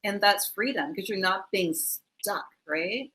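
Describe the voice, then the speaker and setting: Speaking slowly at a medium pitch, a middle-aged woman, a mindfulness teacher, fields interview questions on a video call with low-quality audio. She laughs warmly in asides and voices the quotes she recounts.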